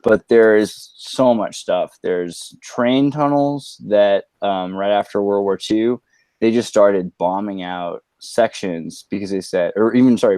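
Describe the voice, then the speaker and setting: A man's voice: fairly low pitch, dark tone, no echo. A man from California, a guest chatting casually on a video call, rambling through long digressions. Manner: rambling, digressive, many fillers. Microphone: earpiece on a video call.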